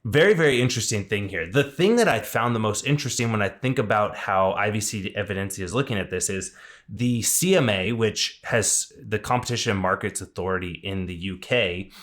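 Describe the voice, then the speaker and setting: A man's voice: fairly low pitch, brisk, fairly bright tone. A man hosting a veterinary industry news podcast, talking through stories in a casual, conversational way with enthusiastic asides.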